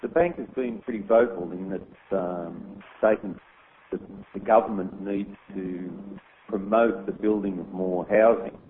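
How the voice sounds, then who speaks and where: A deep-voiced man asks an unscripted question from the audience. His voice comes through narrow and phone-like over faint noise. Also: unhurried. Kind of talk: spontaneous question from the floor.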